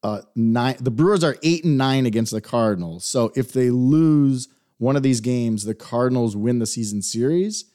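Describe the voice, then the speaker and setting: A man's voice: medium pitch, animated, normal speed, few pauses, mellow. A man co-hosting a casual sports podcast, chatty and self-deprecating, laughing often. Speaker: podcast co-host.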